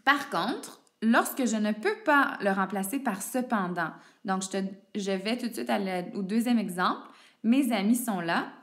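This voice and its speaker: A woman's voice: mid-range voice, animated, moderate pace, fairly bright tone. A woman, patiently explaining spelling rules step by step to a student and spelling words out letter by letter. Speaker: teacher. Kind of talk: explaining French homophones to a student.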